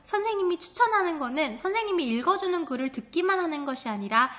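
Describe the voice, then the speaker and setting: Bright-voiced woman teaching a reading lesson. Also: very high-pitched, expressive, quick pace. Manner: patient, asks the class questions and answers them. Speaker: elementary school teacher. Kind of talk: online video lesson, reading aloud and explaining.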